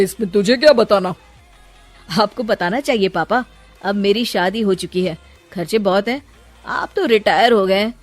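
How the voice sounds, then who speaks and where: A woman's voice: medium pitch, close to an everyday voice. A woman voicing a stern young son. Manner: firm, blunt.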